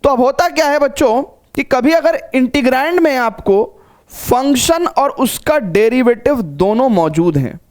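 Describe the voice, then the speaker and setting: Math teacher, male, high pitch, coaxing repetitive lecture style. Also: a little mellow. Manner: coaxing, repeats phrases with frequent check-ins. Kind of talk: classroom lecture.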